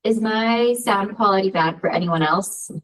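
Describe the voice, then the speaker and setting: A woman's voice: mid-range voice, moderate pace. Meeting lead, woman, organized, heard through a far-off room mic with an echoey, distant sound. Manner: organized, running the agenda. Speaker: meeting facilitator. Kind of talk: video call meeting. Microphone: room mic far from the speaker.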